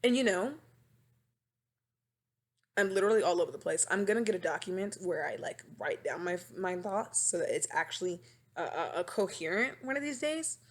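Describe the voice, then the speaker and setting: A woman's voice: fairly low pitch, moderate pace. Rambling young woman podcaster on a webcam mic. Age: 20s. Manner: animated, rambling, dramatic and self-mocking. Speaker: podcast host. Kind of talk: casual chat. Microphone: webcam microphone.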